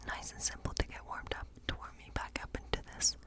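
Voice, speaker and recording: This ASMR role play has a woman cast as a whimsical witch reading tarot cards, her musings delivered in a slow, breathy whisper.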